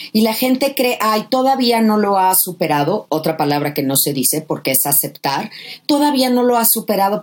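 A woman's voice: mid-range voice, darkish tone. A woman, a guest author giving emphatic, impassioned advice about grief in conversation.

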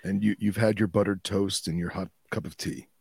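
A man's voice: deep voice, fairly even intonation, brisk, creaky, darkish tone, slightly rough, no echo, clean studio sound. A man co-hosting a podcast, telling anecdotes and chatting in a teasing, colloquial way. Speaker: podcast co-host. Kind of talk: casual chat and anecdote.

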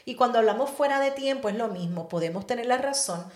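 Middle-aged woman, podcast guest, animated testimony with English words mixed in. Roomy echo. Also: on the high side, fast talker. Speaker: guest, pastor's wife. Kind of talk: conversational testimony.

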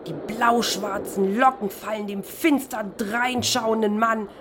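Slow-talking woman as an earnest sailor. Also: on the high side, fairly even intonation, background noise. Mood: earnest, solemn. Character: earnest sailor solemnly describing everything aloud. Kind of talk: audio drama acting.

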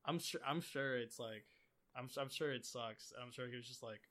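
A man's voice: mid-range voice, moderate pace, pushed and bright. A young man co-hosting a casual podcast chat, rambling through stories and laughing often. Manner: rambling, laughs a lot while telling stories. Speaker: podcast co-host.

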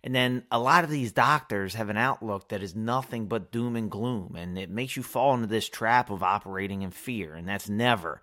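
A man hosting a solo podcast, talking candidly and profanely, swinging between heated ranting and quiet reflection. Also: lowish voice, normal speed, few pauses. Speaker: podcast host.

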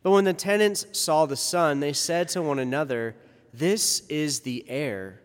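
Inside a large church, a male priest with a fairly high voice and slightly slow delivery reads the gospel. He then preaches a casual, conversational homily full of asides, all carried on the long reverb of the big space.

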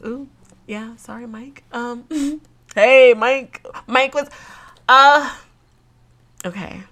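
A young woman in her late twenties talks to her viewers in a loose, unhurried way. She sounds a little congested, giggles often and leans on fillers. Her pitch sits in the middle range. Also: a bit bright. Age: 20s. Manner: chatty and giggly, lots of fillers. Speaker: vlogger. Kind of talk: casual chat to camera.

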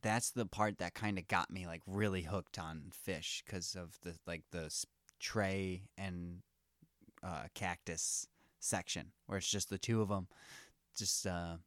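Chill podcast dude, low smooth voice, lots of likes and ums, dry close sound. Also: male voice, fairly even intonation, measured pace, fairly bright tone, dry recording. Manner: easygoing, filler-heavy, trailing off. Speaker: podcast co-host. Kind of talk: casual chat.

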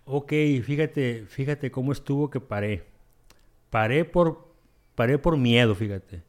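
Man telling his story. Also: mid-range voice. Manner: halting, repeats phrases, acts out dialogue in his story. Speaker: guest sharing a recovery testimony. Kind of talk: emotional personal storytelling.

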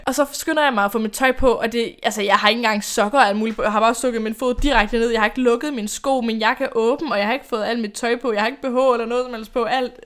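A woman's voice: on the high side, fairly even intonation, few pauses. A young adult woman hosting a casual storytime chat, rambling and chatty, often laughing. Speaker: podcast host.

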